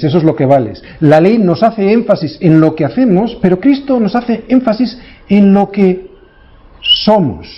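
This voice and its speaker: A man's voice: sits high, muffled recording. A man preaching a sermon as pastor, in a preacherly way, often tagging his points with short questions to the congregation.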